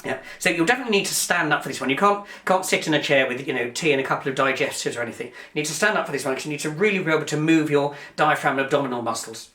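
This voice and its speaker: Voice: mid-range voice, racing, hardly any pauses, a bit bright. A singing teacher, coaching through a song with practical, encouraging asides. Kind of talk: vocal lesson with sung demonstrations. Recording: roomy echo with piano behind. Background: piano.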